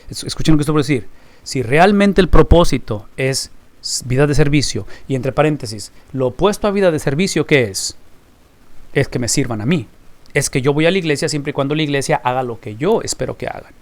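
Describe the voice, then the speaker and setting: A man's voice: on the high side, expressive, brisk. Emphatic male Bible teacher lecturing. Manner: emphatic, asks rhetorical questions.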